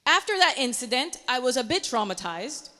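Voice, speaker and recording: A woman's voice: high voice, big pitch swings, normal speed, sharp tone, in a large hall. A woman, an earnest meteorologist telling her personal story in a motivational speech. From Panama.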